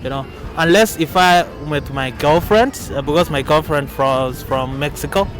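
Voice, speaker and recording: A man from Zimbabwe answering street interview questions in a relaxed, somewhat hesitant manner. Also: fairly high pitch, normal speed, low-quality recording.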